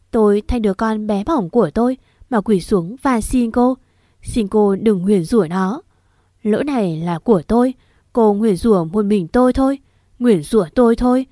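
A distraught young woman, put on by a female narrator pleads through choked tears. The tone is mellow and soft-edged, recorded dry and close. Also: fairly high pitch, dry recording, close to an everyday voice. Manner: tearful, begging, voice choked.

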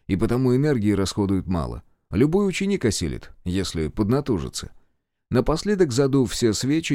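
A man narrating a fantasy audiobook with a low, warm voice that rises and falls a great deal. His storytelling is expressive and wry, recorded close and dry with no room sound. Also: dry recording.

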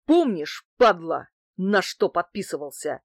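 A woman voicing a bald, scarred male street thug who talks rough and crude with a growl, in an audiobook. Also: lowish voice, normal speed, dry recording, clean studio sound, natural voice. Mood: gruff. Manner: growling, rude, crude slang. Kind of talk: audiobook character voice.

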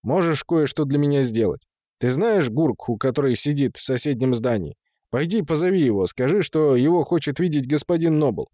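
A man's voice: on the high side, animated, normal speed, warm tone, no room sound, studio quality, lightly acted. A man reading an audiobook, voicing an irate middle-aged husband who scolds and blusters. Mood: coaxing. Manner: scolding, indignant. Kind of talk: audiobook character voice.

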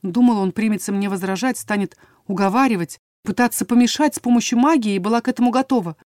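A woman narrating a first-person fantasy audiobook in a dramatic, expressive reading, close on the mic. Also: mid-range voice, fast, dry recording.

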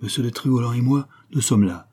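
A man reading a novel aloud, voicing a loyal, gruff Breton servant who gives firm, urgent commands. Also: medium pitch, fairly quick, mellow, lightly acted.

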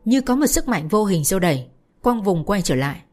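A woman narrating a romance story in a steady, melancholy storytelling manner. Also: medium pitch, moderate pace, soft background music. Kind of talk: audiobook narration.

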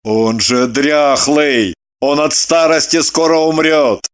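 A fussy, short-tempered husband, as the reader voices him, dragging out each grudging word at a slow pace. His retorts come clipped and snapped through gritted teeth, full of disgust for dirt. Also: a little high, steady tone, smooth, no echo, studio quality. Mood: irritated. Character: fastidious, irritable middle-aged husband, squeamish about dirt. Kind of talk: storybook reading.

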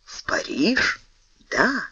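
A man voicing a scheming male bishop who speaks softly but commandingly. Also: high-pitched, very animated, unhurried, dry recording, muffled recording, voice pushed up, heavily acted. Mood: hushed. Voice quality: soft, hushed, urging.

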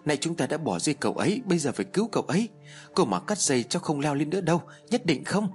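Frightened teenage girl pleading in tears, put on by a male narrator, raised pitch. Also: animated, fairly quick, soft background music, lightly acted. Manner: pleading, tearful and desperate.

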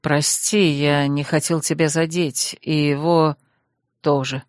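A woman narrator deepens her tone for a young male mage in a fantasy storybook. He speaks low and earnestly, measured and sincere. The recording is dry and close, with no room around it. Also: little pitch movement, dry recording. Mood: gentle. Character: young male mage, wary then apologetic.

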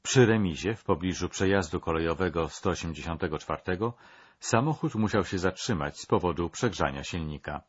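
A man narrating a scripted documentary in a measured, dramatic storytelling manner. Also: sits low, slightly rough, muffled recording.

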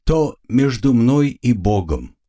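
A man reading the lines of a calm, fatherly bearded priest, a former soldier, in an audiobook. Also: on the low side, a little slow, breathy edge, heavily acted.

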